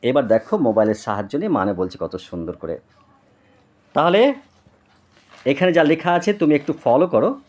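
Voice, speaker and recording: A tutor reading an English lesson slowly and clearly for young children, then explaining it. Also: mid-range voice, very animated, a little mellow.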